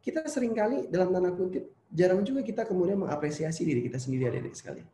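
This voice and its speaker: A man's voice: high-pitched, expressive, racing, dark tone. A man, a psychologist, giving a conversational online seminar lecture to students and posing rhetorical questions. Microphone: video call. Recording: roomy echo.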